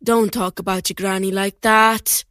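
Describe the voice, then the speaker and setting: A woman's voice: medium pitch, fairly even intonation, measured pace, fairly bright tone, no echo, clean studio sound, voice pushed down, close to an everyday voice. A woman reading aloud and voicing a tired, grumbling father who mutters corrections. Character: weary grumbling father, a bit pompous.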